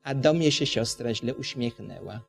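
A man's voice: medium pitch, animated, moderate pace, gravelly. A man from Poland preaching a sermon, passionate, asking the congregation rhetorical questions.

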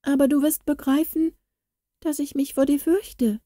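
A woman's voice: high voice, steady tone, measured pace, dark tone, no echo, clean studio sound, voice pushed up. A woman voicing a timid, lonely young village girl who speaks in an eager, pleading way in a storybook. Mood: earnest.

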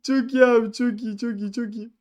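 A fairly high-pitched man narrating his own online game play. He swings between sudden yelps and cries of protest and quiet, conspiratorial muttering. His banter with other players is teasing and full of slang. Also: brisk. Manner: excitable, yelps and cries out when falling, then drops to low muttering. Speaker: gamer playing an online game. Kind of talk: excited gameplay commentary.

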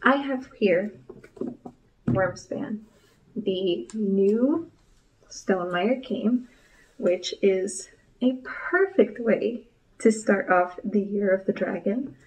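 A woman's voice: medium pitch, drawn-out words, pauses often, a little mellow. A young American woman chatting casually as a video host, keeping her voice down in a library study room, slightly muffled by a mask and picked up by a camera across the table. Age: young adult. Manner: voice kept down for a library, not whispered. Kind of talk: casual vlog chat. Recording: voice picked up from a distance.

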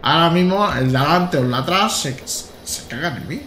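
A man's voice: a little high, animated, fairly quick, sharp tone, reverberant, slight background noise. A man in his thirties from Spain, chatting casually and joking as he drives a train in a live-streamed simulator game. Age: 30s. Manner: joking and rambling, with stammered restarts and bursts of laughter. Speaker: gaming streamer.

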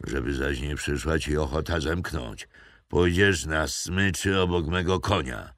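A man's voice: rumbling low, measured pace, fairly bright tone, no room sound, clean studio sound. A man reading an audiobook, voicing a young male officer who gives curt, commanding orders. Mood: stern. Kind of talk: audiobook character voice.

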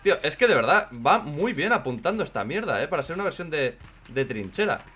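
A man from with a hoarse voice, commenting on his own gameplay in casual chat, joking and swearing a lot. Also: fairly high pitch, very animated, a little fast. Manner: swears a lot and jokes, shouts when in danger.

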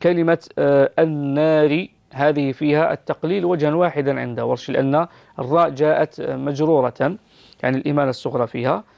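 Brief: Algerian male recitation teacher, slightly high and gravelly, patient and exacting, muffled broadcast sound. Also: steady tone, brisk, a little mellow. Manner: patient, explains rules and models pronunciation. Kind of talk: correcting recitation on a call-in show.

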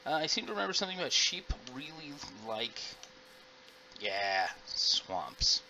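This gaming host, a middle-aged man, has a fairly high, sing-song, sharp voice and talks a little slowly. He casually rambles to viewers as he plays in let's-play style, and his home mic picks up plenty of noise.

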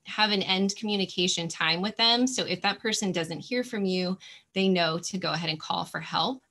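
A woman's voice: lowish voice, normal speed, bright, forceful tone. A woman in her thirties giving a friendly, encouraging webinar presentation on a video call, with frequent ums. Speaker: nature volunteer coordinator.

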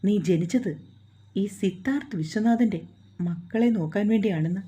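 A woman's voice: medium pitch, moderate pace, warm tone, slightly rough, natural voice. A woman voicing a possessive young man who is in love, speaking in an earnest, coaxing way. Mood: earnest, tender. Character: possessive, smitten young man, wealthy suitor.

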